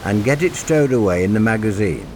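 Brief: a man doing a calm, commanding sea captain, clipped orders, animated pitch, faint hiss. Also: fairly quick. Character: calm, commanding middle-aged male ship captain.

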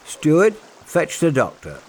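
A male audiobook narrator voicing a calm, commanding middle-aged ship captain who gives clipped orders. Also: on the high side, slow, pitched above the performer's own voice, heavily acted.

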